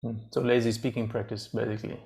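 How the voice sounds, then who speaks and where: A man hosting a casual interview with measured, hesitant phrasing. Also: mid-range voice, level tone, gravelly, darkish tone. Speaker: interview host.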